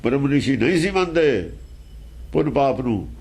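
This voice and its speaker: A man's voice: medium pitch, very animated, normal speed, gravelly, a little mellow. A man teaching scripture in an emphatic, argumentative way, asking pointed rhetorical questions. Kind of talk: explaining scripture verse by verse.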